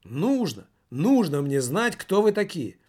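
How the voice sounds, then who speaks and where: A stubborn office worker presses his point again and again, as a male narrator voices him. The voice is a little high and earnest. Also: lively intonation, measured pace. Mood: insistent. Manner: insistent.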